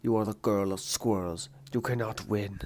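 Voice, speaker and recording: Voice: sits low, steady tone, normal speed, a little mellow, a little hiss or hum, lightly acted. A performer voicing a pompous, menacing male supervillain hunter in a comic dub, speaking in a grandiose, formal, haughty way. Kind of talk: theatrical comic-book villain dub.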